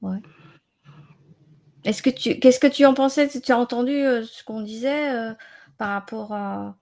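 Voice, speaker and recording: Gravelly-voiced woman hosting a live chat. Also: a little high, a little mellow. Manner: halting, repeats words as she searches. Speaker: host of an open-line internet radio show.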